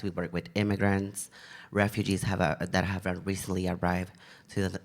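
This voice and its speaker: A man from El Salvador introducing himself on a panel in a relaxed, plain way. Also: low-pitched.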